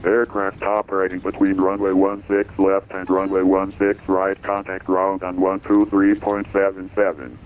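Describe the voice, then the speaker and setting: A man's voice heard as a recorded airport weather broadcast over the radio, reciting codes and numbers in a formal, even way. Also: low-pitched, normal speed, hardly any pauses, a little hiss or hum. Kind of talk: recorded automated information broadcast. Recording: tinny radio-band audio.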